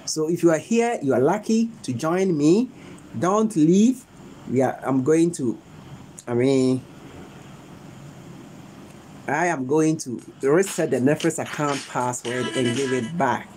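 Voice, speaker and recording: A young Ghanaian man with a Ghanaian English accent, hosting a live phone tutorial indoors on his phone's front camera. He talks slowly and repeats himself, pleading with viewers to stay. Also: fairly high pitch, a little mellow, a little hiss or hum, poor audio. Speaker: livestream host.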